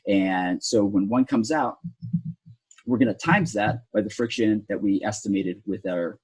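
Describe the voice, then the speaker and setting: A rope rescue instructor, a man, works through tension figures step by step, dropping in a dry sarcastic remark now and then. His voice sits low and sounds a little husky. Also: lively intonation, measured pace, poor audio. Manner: explanatory, talks through calculations step by step with sarcastic asides. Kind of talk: technical lesson at a whiteboard.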